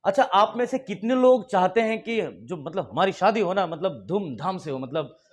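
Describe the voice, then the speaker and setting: Man, Indian accent, Hindi speaker, English teacher, classroom lesson, teasing, laughs, quizzes the class, high voice. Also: animated, normal speed. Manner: joking with students, laughs often, asks the class questions.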